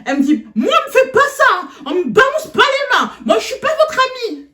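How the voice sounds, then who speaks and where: A woman voicing an indignant, shrill middle-aged female teacher who shrieks in haughty outrage. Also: big pitch swings, a little fast, pushed and bright, full character voice. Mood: outraged. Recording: echoey room.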